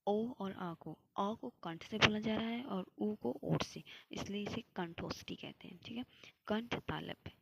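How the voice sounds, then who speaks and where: A woman's voice: medium pitch, a little slow, gravelly, background noise. A young woman teaching Hindi grammar for an exam, explaining step by step and answering her own questions. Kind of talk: classroom lecture.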